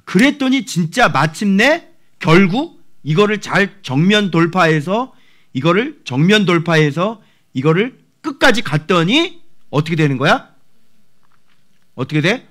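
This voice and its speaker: A male pastor in his forties giving an expository sermon in a church, animated and acting out voices with shouts. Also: high-pitched, unhurried.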